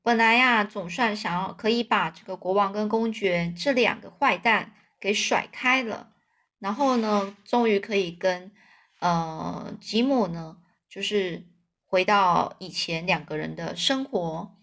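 A woman's voice: medium pitch, measured pace, a bit bright. A woman telling a serialized story in a chatty way, drawing out particles at the end of phrases.

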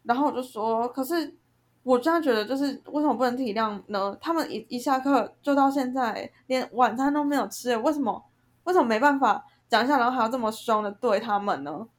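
A young woman co-hosting a podcast rants heatedly about a group conflict, telling the story in an animated way during a casual chat. Her voice is a little high and she speaks fairly quickly.

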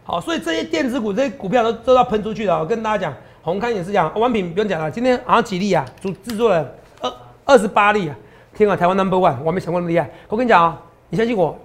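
A hoarse man pitches his stock calls at a rapid clip. His voice sits high for a man. He boasts and hammers home each point with rhetorical questions. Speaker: stock market analyst host. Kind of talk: promotional market commentary.

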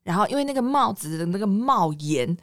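A woman with a Taiwanese Mandarin accent telling a story in casual podcast chat, animated and expressive. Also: medium pitch, a little fast, dry recording, clean studio sound. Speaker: podcast co-host.

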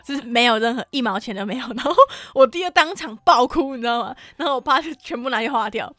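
A young woman with a Taiwanese Mandarin accent co-hosting a podcast. She chats casually, laughs often and drops swear words while telling animated stories. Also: a little high, quick pace. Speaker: podcast co-host. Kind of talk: casual chat.

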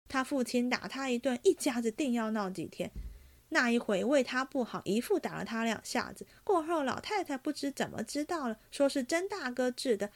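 A woman voicing a rash, hot-headed young nobleman who shouts in fast, angry bursts. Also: a little high.

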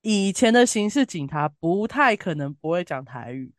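A woman co-host speaks in a casual, opinionated way with a southern Taiwanese Mandarin accent. Her slightly low voice swings widely in pitch as she makes blunt, emphatic points, and it sounds close and dry. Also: big pitch swings, moderate pace, no echo. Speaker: podcast co-host reviewing TV drama.

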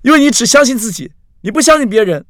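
A man voicing a drunk young man who loudly pleads to marry his girlfriend. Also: very high voice, expressive, rapid-fire, no room sound, studio quality, pitched above the performer's own voice. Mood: pleading outburst. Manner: loud, pleading, indignant.

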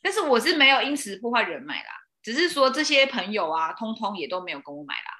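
A woman hosting a casual chat, telling personal stories in an animated way, acting out dialogue and laughing often. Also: a little high, quick pace. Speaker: host.

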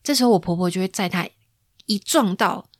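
A woman's voice: fairly quick, dry recording, studio quality. A woman, hosting a casual parenting podcast in a chatty, playful way. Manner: chatty, playful, acts out quoted lines in a higher voice. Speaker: podcast host.

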